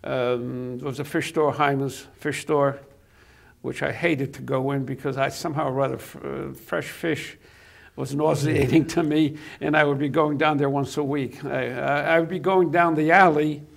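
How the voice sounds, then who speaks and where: An older man from Poland, whose first language is Yiddish, talks at normal speed in a creaky, mid-range voice with a steady tone. As a guest on a TV studio set with a lapel mic, he reminisces hesitantly, filling pauses and restarting many times.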